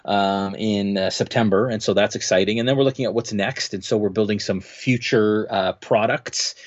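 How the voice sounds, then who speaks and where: A man's voice: lowish voice, steady tone, moderate pace, lo-fi sound. A man talking casually as an interview guest, a game master who rambles with lots of fillers and restarts.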